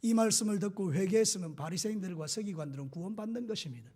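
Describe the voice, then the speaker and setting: A man preaching a sermon as pastor, swinging from hushed tones to shouts and acting out quotes. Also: sits high, fast talker, husky.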